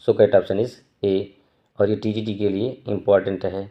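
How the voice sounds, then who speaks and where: A man teaching an exam prep lesson, reading each question slowly and then explaining it quickly. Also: lowish voice, flat delivery, muffled recording. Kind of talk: quiz walkthrough lesson.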